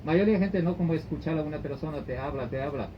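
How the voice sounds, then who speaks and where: A man preaching a sermon as pastor, in halting phrasing that often restarts and repeats. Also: a little high. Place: church service. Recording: dull lo-fi recording with faint noise.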